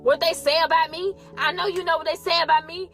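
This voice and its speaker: A woman's voice: extremely high pitch, fairly even intonation, fast, music in the background, pitched above the performer's own voice. A woman voicing a defensive young woman coworker who insists people talk about her.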